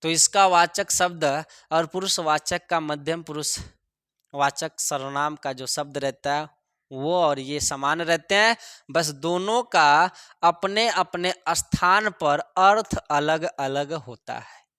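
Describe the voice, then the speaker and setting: A male teacher giving a grammar lesson, repeating each example sentence slowly for students to copy. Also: fairly high pitch, sharp tone, clear, resonant tone, no room sound, studio quality. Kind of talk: classroom lesson.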